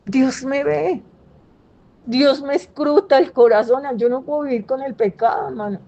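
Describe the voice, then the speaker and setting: A woman pastor preaching a sermon, animated, acting out quoted people and firing pointed questions at the congregation. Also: high voice, highs cut off.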